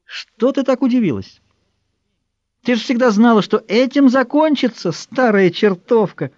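A man's voice: very high voice, lively intonation, measured pace, darkish tone, no room sound, muffled recording, pitched above the performer's own voice. A man voicing a cruel, mocking male intruder with a hissing, taunting manner in an audiobook. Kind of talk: audiobook character voice.

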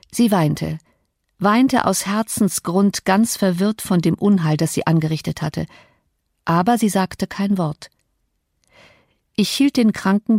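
A woman reading a classic novel aloud as an audiobook, in a calm, lowered narrating voice. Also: dry recording. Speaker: audiobook reader. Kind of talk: scripted literary narration. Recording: dry close audiobook recording.

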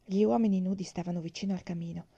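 A woman reading a children's novel aloud, in a gentle, measured storytelling voice. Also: lowish voice, fairly even intonation, vocal fry, breathy edge, lo-fi sound. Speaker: audiobook reader.

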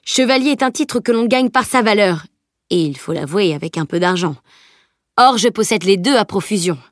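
A woman voicing a boastful, hot-headed adult male knight in a storybook reading, speaking loudly and proudly. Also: mid-range voice, lively intonation, moderate pace, no room sound, clean studio sound, natural voice. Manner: loud and boasting.

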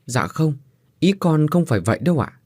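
A man's voice: a little high, very animated, normal speed, a little mellow, no room sound, clean studio sound, pitched above the performer's own voice. A man voicing a frail, tearful poor young mother who stammers and pleads politely. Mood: timid pleading.

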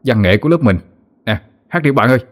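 A man's voice: mid-range voice, expressive, quick pace, pitched above the performer's own voice, natural voice. A man voicing a brash young male student who snaps and teases. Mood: irritated. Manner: snappy, scolding.

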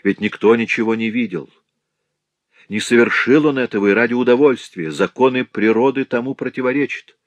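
A man's voice: medium pitch, a little fast, no echo, voice pushed up, lightly acted. A man voicing a prudish, fussy middle-aged porter who frets aloud and protests indignantly, in a storybook reading. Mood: brooding. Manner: indignant, fretful muttering to himself. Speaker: concierge.

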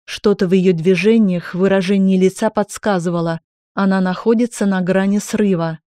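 A woman reading a dramatic story aloud in the first person, steady and measured. Her tone is mellow and dark, at a middle pitch. The recording is dry, with no room sound. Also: smooth, no echo. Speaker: narrator. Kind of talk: audiobook narration.

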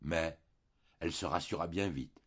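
Male audiobook reader, measured and expressive, muffled lo-fi recording. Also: sits low, slightly rough. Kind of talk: audiobook narration.

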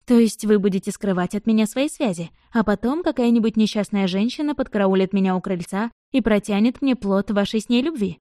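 A woman voicing a mischievous, sharp-tongued young noble bride who speaks in a lively, teasing, mock-dramatic way in an audiobook reading. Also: mid-range voice, a little fast, hardly any pauses, dry recording, studio quality, lightly acted. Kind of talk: audiobook narration.

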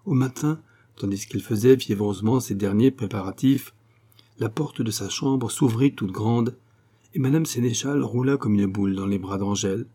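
A man narrating a classic novel as an audiobook, in a measured, expressive reading. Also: lowish voice.

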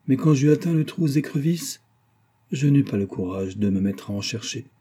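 A man reading a classic novel aloud as narrator, expressive and giving characters their own voices. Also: mid-range voice, moderate pace, breathy edge. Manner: expressive, reads dialogue with voices. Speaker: audiobook reader.

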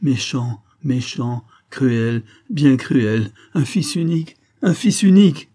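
A man's voice: expressive, slow, dark tone. A man voicing a delirious, grieving sick woman who cries out shrilly and repeats herself. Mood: anguished. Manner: shrill, repetitive, wailing.

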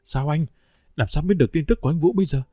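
A man voicing a worried middle-aged wife and mother who asks quick, anxious questions. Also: fairly high pitch, mellow, no room sound, studio quality, voice pushed up, close to an everyday voice.

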